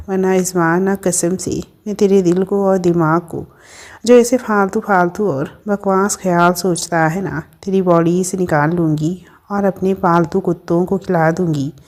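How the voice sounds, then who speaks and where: Woman playing a brash young woman friend, blunt, scolding, mocking, storybook, lowish voice. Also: fairly even intonation, unhurried, a little mellow.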